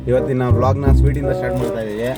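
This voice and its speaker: A man's voice: mid-range voice, level tone, rapid-fire, over loud music. A man chatting casually to the camera on a temple road trip with friends, joking as he walks around outdoors. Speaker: vlogger. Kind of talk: casual travel vlog chat.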